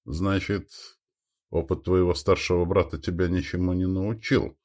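A man voicing a gaunt, stern young king in an audiobook, speaking low and threateningly. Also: steady tone, normal speed, darkish tone. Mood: menacing. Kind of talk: audiobook character voice.

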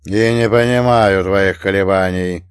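A thick-voiced older mafia boss, heavy and domineering, who lectures with scornful force, as a male narrator puts him on. The voice sits low, in a dry, close recording. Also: fairly even intonation, unhurried, clear, resonant tone, dry recording. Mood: lecturing. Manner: raises his voice, lecturing.

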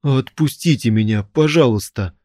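A man's voice: medium pitch, animated, slow pace, dark tone, no echo, clean studio sound. A man voicing a frightened young man who timidly pleads to be let go. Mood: frightened pleading.

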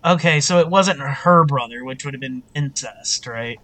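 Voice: medium pitch, normal speed, fairly bright tone. A podcast co-host chatting in a laid-back, slangy, jokey way. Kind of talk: casual chat.

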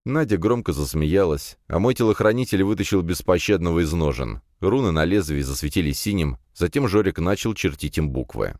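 A man's voice: deep voice, expressive, brisk, few pauses, a little mellow, no echo, clean studio sound. A man reading a fantasy audiobook in the first person, telling the story expressively. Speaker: audiobook narrator.

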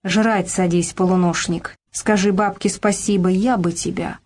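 A woman's voice: on the low side, fairly even intonation, unhurried, darkish tone. A woman playing an exhausted, furious mother. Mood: irritated. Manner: hissing through teeth, tearful. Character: worn-out, angry working mother.

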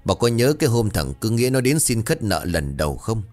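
A man with a low voice voicing a guilt-ridden old female servant who confesses in a hushed, tearful way. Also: big pitch swings, a little fast, soft background music. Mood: tearful confession.

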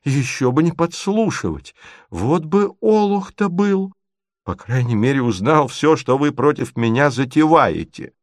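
A man voicing a hot-tempered young gentleman, jilted and indignant, with drawn-out shouted outbursts in a storybook reading. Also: mid-range voice, vocal fry, no room sound, studio quality, close to an everyday voice.

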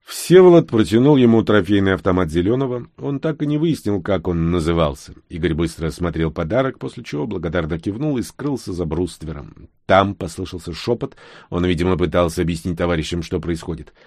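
A man narrating an audiobook in a steady, tense storytelling manner. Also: low voice, brisk, no room sound, studio quality. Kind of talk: scripted narration.

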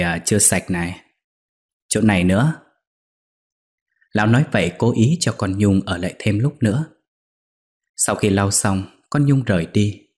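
A man narrating a scripted ghost story in a steady, even storytelling manner. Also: on the low side.

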